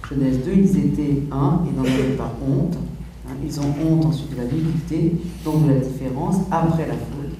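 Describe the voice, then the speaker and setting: A man's voice: medium pitch, moderate pace, warm tone, a little hiss or hum. A man moderating a panel who reads out a question from the audience. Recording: distant, echoey room mic.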